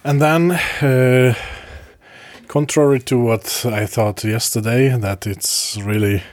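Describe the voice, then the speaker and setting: A man speaking in a casual first-person travel diary, halting, with frequent pauses and restarts and soft chuckles between phrases. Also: medium pitch, steady tone, dry recording. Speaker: traveler recording a video diary.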